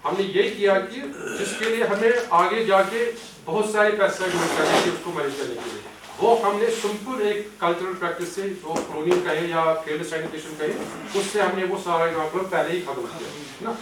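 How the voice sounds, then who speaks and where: Speaking with few pauses in a high voice, a Kashmiri-accented man leads a step-by-step training lecture, answering his own questions and mixing in English terms. The lecture hall echoes, the mic is distant, and there's a faint hiss.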